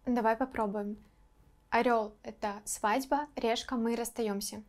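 An actress playing a jealous young girlfriend, sarcastic and accusing, then quiet. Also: on the high side, fairly even intonation, moderate pace, slight background noise, lightly acted. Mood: subdued. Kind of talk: short film acting.

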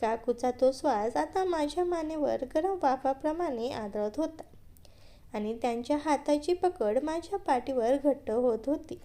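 Brief: woman storyteller, high voice, mellow tone, steady scripted read. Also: unhurried.

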